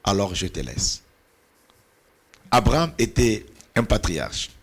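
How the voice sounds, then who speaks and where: A Portuguese-speaking pastor in middle age talks about mentoring at church, very animated yet slow, his lowish voice slightly rough. He preaches earnestly and sometimes gropes for words.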